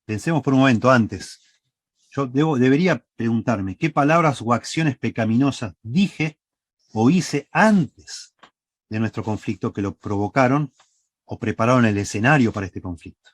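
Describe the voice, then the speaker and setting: A man's voice: mid-range voice, normal speed, no echo, studio quality. A man preaching a sermon with an Argentine Spanish accent, teaching step by step and checking in with the congregation. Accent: Rioplatense Spanish. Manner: teaching, asks the congregation "¿sí?" often. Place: church.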